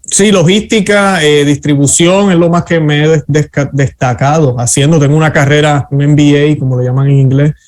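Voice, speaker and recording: Middle-aged puerto rican guy, bit high pitched, talks slow and reflective with lots of ums. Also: fairly even intonation, darkish tone. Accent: Puerto Rican Spanish. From Puerto Rico. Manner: earnest, reflective, many hesitant fillers. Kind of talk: personal testimony in an interview.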